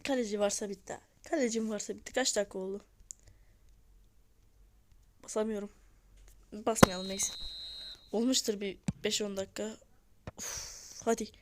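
Female gamer, slightly hoarse, casual match commentary, scolds and cheers her players. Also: mid-range voice, normal speed, pauses often, background noise. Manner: excitable, scolds and urges on the players. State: voice sounds off, hoarse. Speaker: mobile football gamer. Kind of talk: casual live gameplay commentary.

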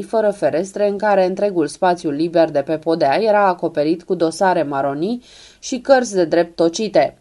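A woman with a mid-range voice narrates an audiobook, delivering scripted narration in a measured, even storytelling manner.

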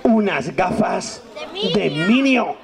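A man's voice: high voice, animated, slow pace, gravelly. Goofy kids' magician guy hamming it up, voice jumping all over, crowd of kids behind. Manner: playful, teasing, exaggerated exclamations. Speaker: children's entertainer and magician. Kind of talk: lively show patter with children. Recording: outdoor event with crowd of children. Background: crowd of children.

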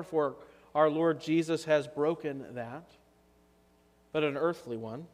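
A pastor in his thirties preaches from the altar of a church sanctuary, earnest and unhurried, using pauses for emphasis. His voice is a touch high for a man, and the sanctuary gives every phrase a long reverb.

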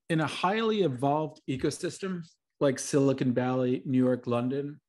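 A man's voice: medium pitch, darkish tone. A man in his forties, a venture capital investor, talking fluently on a video call from a room at home with bookshelves. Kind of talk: webinar presentation and Q&A answers.

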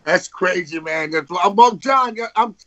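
A man in casual chat, talking excitedly with many stumbles and restarts. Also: sits high, measured pace. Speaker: podcast guest musician.

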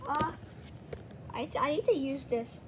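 A woman acting out a playful toy skit in excitable, shrieking voices that switch from one character to another. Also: high-pitched, measured pace. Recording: noisy home recording.

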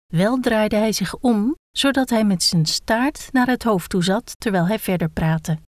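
A woman calmly reading a children's book aloud. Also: mid-range voice, measured pace, no echo, clean studio sound. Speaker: reader.

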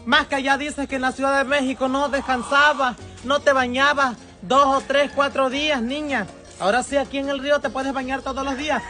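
A man's voice: extremely high pitch, level tone, brisk, faint music behind. A man playing Doña Godoleva, a brash, bossy village mother with a Mexican coastal accent, in a comedy sketch. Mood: nagging. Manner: scolding, loud and exasperated.

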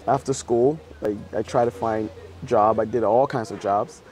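A man's voice: fairly low pitch, steady tone, normal speed, a little mellow. A man in his thirties, born and raised in Ghana, chatting as an interview guest outdoors on a lapel mic, rambling with many restarts and fillers. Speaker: interview guest, business owner. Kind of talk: casual interview chat. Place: outdoors on a patio sofa.

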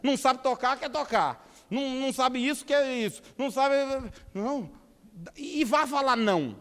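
A Brazilian man with a São Paulo state accent preaches a lively sermon, joking and acting out quoted people. His voice sits high for a man. The sound carries the long reverb of a church hall. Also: moderate pace. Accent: Brazilian Portuguese, São Paulo state. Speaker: pastor.

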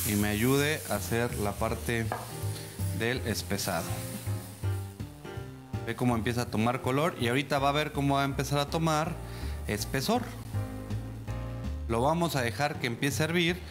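A man talks viewers through a recipe at a steady mid pitch, checking in with them often. He speaks on a lapel mic in a studio kitchen. Music plays clearly behind him. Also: moderate pace, pauses often. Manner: explanatory, addresses viewers directly with frequent "¿vale?". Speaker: TV cooking show chef. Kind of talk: cooking demonstration.

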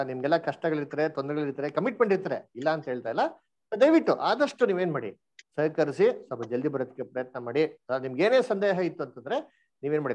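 A man's voice: medium pitch, darkish tone, dull audio. A man teaching an online Bible study class, quizzing the group and mixing English words into his speech.

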